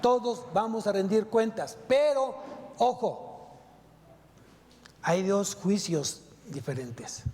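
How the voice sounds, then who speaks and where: A man's voice: sits high, expressive, takes it slowly, pauses often, warm tone. A man preaching a sermon to his congregation, putting emphatic rhetorical questions to them. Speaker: pastor. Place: church sanctuary. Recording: long reverb of a church hall.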